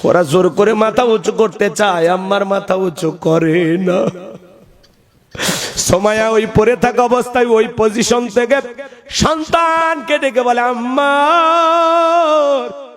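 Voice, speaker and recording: A man's voice: high voice, unhurried. A man preaching a Bengali waz sermon, telling the story with passion and calling out to his listeners as brothers. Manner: impassioned, sing-song preaching that rises to shouts; addresses listeners directly as brothers.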